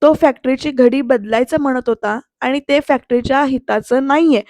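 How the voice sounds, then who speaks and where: A stern factory owner cuts the talk short, curt and dismissive, spoken by a woman in her own high, dry voice. He sounds set in his ways. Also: normal speed, a little mellow, dry recording. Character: stern older factory owner, gruff father.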